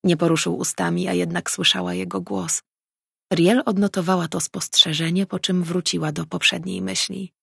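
Low gravelly woman narrating a story. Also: flat delivery, moderate pace, a bit bright, dry recording, studio quality. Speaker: audiobook narrator. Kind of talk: scripted narration.

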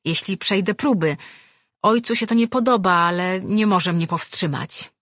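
Defiant young boy, curt answers, husky low-ish tone, read by a woman. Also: moderate pace, fairly bright tone, no room sound, clean studio sound, natural voice. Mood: determined. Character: merchant's son, stubborn proud young boy.

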